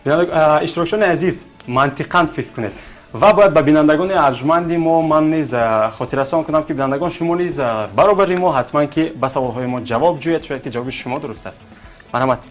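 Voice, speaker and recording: A man's voice: fairly high pitch, soft background music. A man with a Tajik accent hosting a TV quiz, coaxing the contestants and repeating their answers back to them. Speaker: quiz show host.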